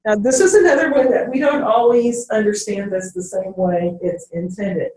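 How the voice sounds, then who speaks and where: A female teacher lectures a class at a moderate pace, her medium-pitched voice a little mellow. She ends phrases with "okay?" to check in after each point, recorded on a distant mic in a very echoey classroom.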